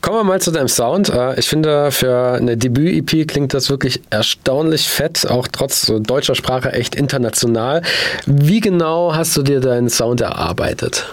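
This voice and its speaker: A man's voice: medium pitch, moderate pace. A man hosting a radio show, interviewing a guest in an upbeat way and laughing often.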